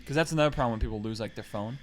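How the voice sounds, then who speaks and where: A man, co-hosting a casual podcast and telling rambling, animated stories. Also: medium pitch, racing, very noisy. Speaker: podcast co-host. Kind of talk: casual chat.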